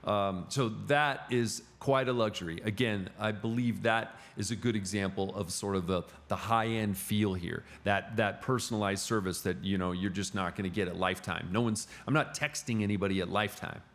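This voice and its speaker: A man's voice: on the low side, moderate pace, few pauses. Chatty man telling a story. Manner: animated storyteller, frequent restarts. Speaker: gym client and podcast guest. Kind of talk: casual podcast chat, storytelling.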